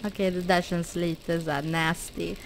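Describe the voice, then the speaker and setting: A woman's voice: fairly low pitch, flat delivery. A woman hosting a gaming channel, chatting casually through a life-sim game, often exclaiming and talking to her characters. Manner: chatty, exclaims and laughs, talks to her sims. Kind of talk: casual Let's Play commentary.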